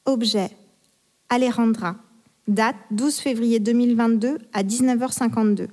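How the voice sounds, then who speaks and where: A woman reading out email dates and subject lines in a flat, matter-of-fact way. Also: on the high side, normal speed. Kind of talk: announcing email headers.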